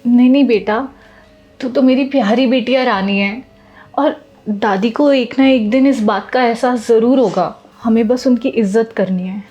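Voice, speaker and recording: A woman playing a patient young daughter-in-law who speaks gently and pleadingly to her family. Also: on the high side, measured pace, muffled recording. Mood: tender. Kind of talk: Hindi short film acting.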